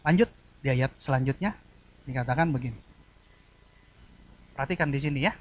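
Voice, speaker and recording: A man preaching a sermon in an animated, conversational way, acting out tones of voice and checking that the congregation follows. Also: medium pitch, moderate pace. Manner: conversational, mixes colloquial asides into teaching.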